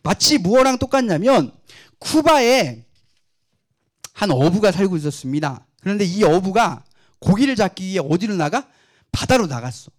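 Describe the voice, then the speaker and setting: Lively high-pitched preacher man. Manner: animated, asks the congregation questions and acts out quoted speech. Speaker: pastor. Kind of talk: sermon.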